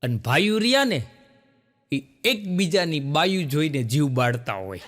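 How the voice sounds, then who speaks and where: A man's voice: on the high side, very animated, moderate pace, heavy background noise. A man, a stand-up comedian telling folksy jokes on stage before a live audience, acting out the dialogue in his stories. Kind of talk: Gujarati folk comedy storytelling. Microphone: stage microphone.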